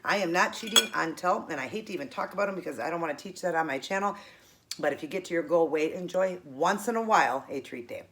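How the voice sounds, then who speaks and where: A woman's voice: fairly low pitch, animated, a bit bright, slight background noise. A middle-aged American woman with a tongue piercing, chatting casually to viewers while she eats. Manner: talking while eating, with pauses to chew. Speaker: host of a keto eating show.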